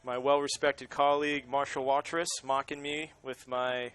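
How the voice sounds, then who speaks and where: A man's voice: medium pitch, little pitch movement, normal speed, a bit bright, smooth. A man with a Boston accent calling a baseball game live, mixing play-by-play with casual banter.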